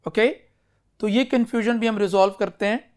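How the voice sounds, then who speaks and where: A man's voice: high-pitched, steady tone, clean tone. A man teaching an English spelling lesson. He mixes Urdu and English, calls his students "beta" and keeps checking whether they follow. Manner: slow, deliberate explaining with many spelling examples. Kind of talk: classroom lecture mixing Urdu and English.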